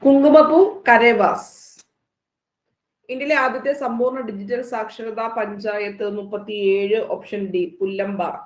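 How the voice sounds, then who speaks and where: A woman teacher with a Malayali accent runs through exam answers, chatty and quick, stopping to quiz her students. Her voice has an ordinary middle pitch and sits in a roomy space. The sound is dull, like a lo-fi online class. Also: fairly even intonation. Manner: quick, conversational, quizzing students.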